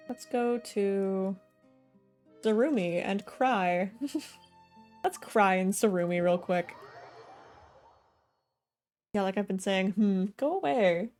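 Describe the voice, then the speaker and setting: A woman's voice: mid-range voice, fairly even intonation, drawn-out words, long pauses, a little mellow. A young woman streaming a game, chatting casually and giggling as she talks to her chat. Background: faint game music.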